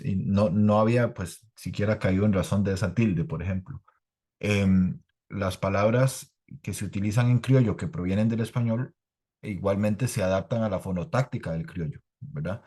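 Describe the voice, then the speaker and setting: A man's voice: lowish voice, moderate pace, darkish tone, slightly rough. A man explaining language points in an academic online talk, often adding "¿verdad?". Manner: explanatory, many "¿verdad?" tags. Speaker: presenter on the creole translation.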